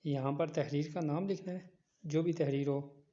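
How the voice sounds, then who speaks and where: A man's voice: fairly high pitch, fairly even intonation, normal speed, warm tone, dull audio. A man teaching a phone editing app step by step, repeating key instructions. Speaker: online teacher. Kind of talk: screen-recorded app tutorial.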